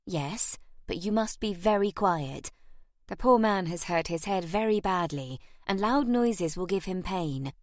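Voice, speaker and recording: A woman voicing a gentle motherly young woman. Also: lowish voice, animated, unhurried, no room sound, studio quality. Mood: hushing. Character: kind young woman caring for orphans.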